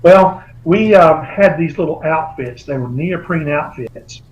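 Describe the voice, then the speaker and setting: A man's voice: fairly high pitch, measured pace, highs cut off. A man, an author being interviewed over a video call, telling long rambling anecdotes. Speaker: author guest. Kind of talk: remote interview.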